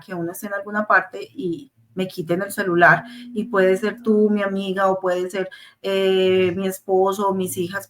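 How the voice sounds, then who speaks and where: A woman's voice: medium pitch, fairly bright tone. A woman in a parenting talk who affirms her guest and then tells her own everyday examples at length.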